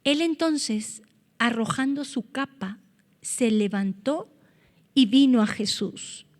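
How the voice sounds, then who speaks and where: A woman preaching a sermon, earnest, rising to loud cries when she quotes scripture. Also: fairly high pitch, lively intonation, slow, long reverb tail.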